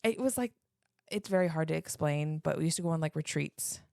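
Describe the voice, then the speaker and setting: Gravelly woman telling a story. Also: sits low, a little fast, darkish tone, no echo, studio quality. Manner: storytelling, swearing, self-mocking. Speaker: podcast co-host. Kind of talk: casual chat.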